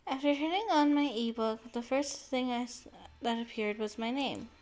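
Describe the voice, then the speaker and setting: A woman's voice: fairly high pitch, moderate pace, darkish tone. A young woman streamer reading a visual novel aloud, narrating dramatically with giggles and restarts.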